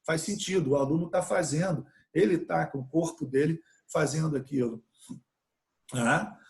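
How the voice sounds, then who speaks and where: A man's voice: on the high side, normal speed, gravelly. A middle-aged Brazilian man from Brazil teaching a music education course, explaining step by step with frequent fillers and restarts. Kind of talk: online mini-course lecture.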